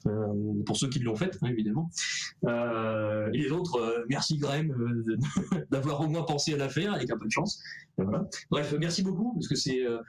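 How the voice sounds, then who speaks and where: A man presenting his thesis research in a casual, chatty way, with many fillers and restarts and self-mocking asides. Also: mid-range voice. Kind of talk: casual explanatory talk.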